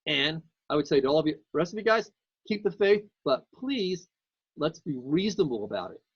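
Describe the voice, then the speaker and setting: A man's voice: a little high, lively intonation, normal speed, slightly rough, no room sound. A man giving a casual classroom lecture in a conversational way, often repeating words as he works out his next point, on a dull lo-fi recording.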